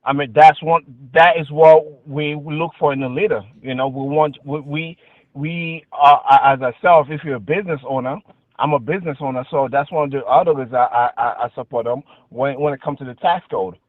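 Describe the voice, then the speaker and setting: A man's voice: fairly high pitch, dry recording. A thin, dry phone-line recording carries a man with a Queens New York accent. He is a caller debating politics in a casual, slangy way, stumbling and repeating his words as he goes. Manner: halting, repetitive, slangy filler phrases. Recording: tinny phone-like call audio.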